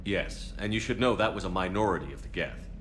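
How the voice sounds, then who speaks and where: Deep-voiced, steady Commander Shepard. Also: male voice, a little fast, a little hiss or hum. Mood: firm, assured. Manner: firm, plain-spoken. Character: steady, resolute male military spaceship commander. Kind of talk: video game dialogue.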